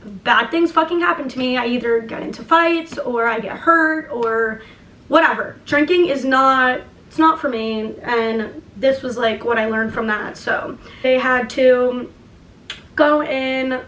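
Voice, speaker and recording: A young woman with a high voice talks in an echoey room, a little away from the microphone. She has a lisp and speaks through a barely opened jaw. Her storytelling is casual and confessional, peppered with swearing and filler "likes". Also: unhurried, fairly bright tone, recorded from a distance. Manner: emphatic, swearing, heavy use of "like". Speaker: vlogger.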